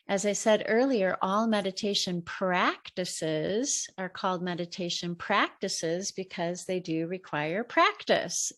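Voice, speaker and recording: A middle-aged woman leading a guided meditation, giving slow, gentle breathing and relaxation instructions. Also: medium pitch.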